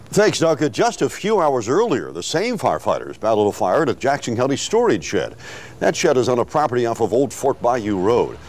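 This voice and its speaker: A man's voice: medium pitch, very animated, moderate pace, darkish tone. A man reading scripted television news as an anchor.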